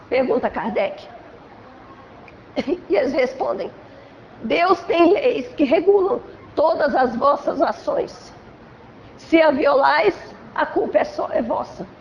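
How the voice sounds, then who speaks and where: A woman's voice: sits high, dull audio, slight background noise. A woman with a Brazilian Portuguese accent giving a spiritual lecture in a conversational way, often adding "né?" and acting out examples. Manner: conversational, frequent "né?" tags, acts out examples. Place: assembly hall of a spiritual center.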